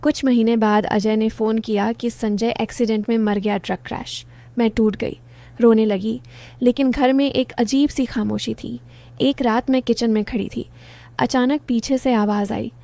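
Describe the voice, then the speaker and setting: A woman narrating a story in the first person, with a soft, low-key delivery. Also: steady tone, moderate pace, creaky.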